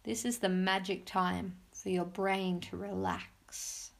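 A woman hosts a mindfulness podcast, guiding a meditation with simple, encouraging phrases. Her medium-pitched voice is steady and creaky, and she gives her soothing instructions unhurriedly, with pauses.

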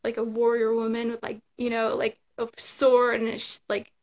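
A woman's voice: fairly high pitch, monotone, normal speed. A woman guest talking casually and rambling with many fillers, over a video call. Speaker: interview guest. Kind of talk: casual spiritual chat.

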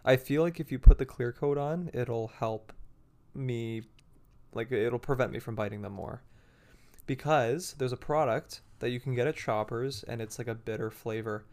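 A man with a mid-pitched voice that has a gravelly rasp, bantering and joking with a friend. He talks casually, like a co-host on a chat show. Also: moderate pace, darkish tone.

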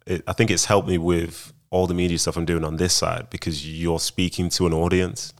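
Laid-back low-voiced man. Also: level tone, moderate pace. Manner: laid-back, rambling with restarts. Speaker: retired footballer turned broadcaster. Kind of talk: relaxed interview answers.

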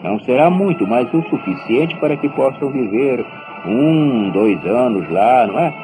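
Man acting a stern, protective Brazilian brother, medium-pitched. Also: lively intonation, normal speed, natural voice, poor audio. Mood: skeptical. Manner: emphatic, admonishing, theatrical. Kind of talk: radio soap opera acting. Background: music.

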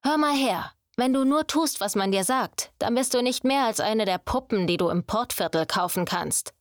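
A woman voicing a domineering young male thief mentor who scolds his apprentice with a raised, forceful voice. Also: a little high, moderate pace, dry recording, clean studio sound, close to an everyday voice. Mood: berating. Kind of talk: audiobook character voice.

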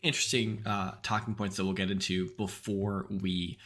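A man's voice: deep voice, little pitch movement, moderate pace, fairly bright tone. An American man hosting a casual podcast chat, upbeat and leaning on fillers like "like" and "um". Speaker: podcast host.

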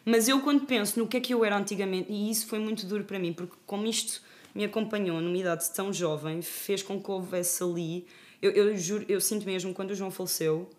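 A woman's voice: medium pitch, fairly even intonation, fast talker, darkish tone. A young woman speaking as a podcast guest in casual conversation, open and reflective, with lots of fillers.

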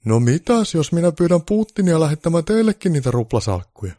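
A man's voice: a little high, big pitch swings, mellow, no echo, studio quality, pitched above the performer's own voice. A man voicing a grumpy old Santa Claus with bellowing, blustery threats, in a comic storybook reading. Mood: bargaining.

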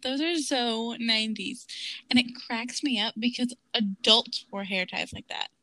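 A woman's voice: a little high, measured pace, pushed and bright, dry recording. A woman in her thirties co-hosting a casual rewatch podcast, chatty and laughing, acting out quotes. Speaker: podcast co-host.

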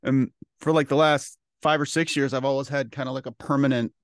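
A man's voice: medium pitch, level tone, brisk, dry recording, studio quality. A middle-aged man co-hosting a podcast, chatting casually and joking at his own expense. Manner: joking, self-deprecating, conversational. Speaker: podcast co-host. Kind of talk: casual chat.

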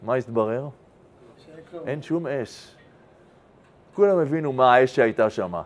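A man teaching a Talmud lesson as a rabbi, telling the story in an animated way, dropping from loud to hushed and asking his listeners questions. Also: medium pitch, highs cut off.

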